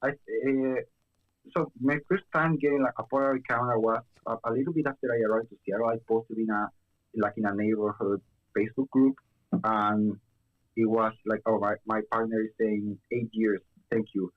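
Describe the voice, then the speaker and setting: In lo-fi sound, a young Chilean man speaks at a normal pace in a fairly low voice with fairly even intonation. As a guest in a casual chat, he hesitates a lot, using fillers and starting sentences over.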